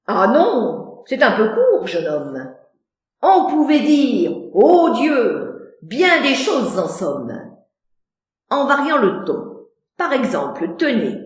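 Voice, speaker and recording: A woman's voice: on the high side, sing-song, slow, very echoey. A woman playing a proud, mocking theatrical swordsman, declaiming verse like a hammy stage actor. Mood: scornful, imperturbable.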